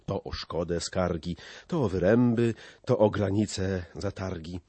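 A man narrating an epic poem in lively verse recitation, audiobook style. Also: sits low, measured pace, husky, no echo.

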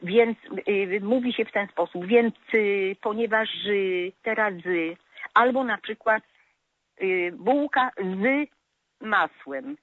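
A female radio caller, heard over a thin phone connection, holds forth on proper speech with plenty of hesitant "um"-type sounds. Her medium-pitched voice is fairly even in intonation and a little slow, and the recording is dry.

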